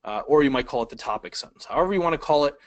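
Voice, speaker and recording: A man's voice: fairly high pitch, expressive, racing, no room sound, rough recording. Dry-voiced man teaching a webinar. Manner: conversational, asks the audience questions; varies speed and loudness for emphasis. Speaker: speed reading instructor. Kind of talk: webinar lesson. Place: indoors at a laptop.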